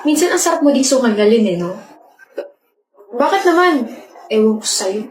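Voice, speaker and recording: A woman performs a comedic skit in a somewhat high voice, with teasing, playful banter. She was recorded in an echoey room. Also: lively intonation, fast talker, darkish tone.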